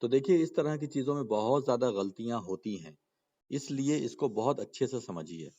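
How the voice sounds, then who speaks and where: A man's voice: mid-range voice, animated, mellow, lo-fi sound. Man teaching Quran reading. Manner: explains patiently, repeats points and asks the class questions. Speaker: Quran recitation and tajweed teacher. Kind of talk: spoken lesson with slow chanted recitation examples.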